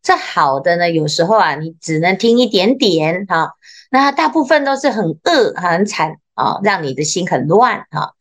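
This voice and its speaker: A woman with a Taiwanese Mandarin accent, a Buddhist nun giving a dharma talk in a lively way, full of little interjections, slowing down to read sutra lines. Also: on the low side. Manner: slows down when reading sutra lines. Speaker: Buddhist nun teaching scripture.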